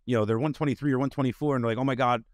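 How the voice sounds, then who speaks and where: A man's voice: medium pitch, steady tone, rapid-fire, dry recording. Middle-aged male podcast host, rambling filler-heavy delivery, desk mic, dry. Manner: rambling, full of "you know" fillers. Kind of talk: casual interview chat. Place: home studio with bookshelves. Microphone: desk mic on video call.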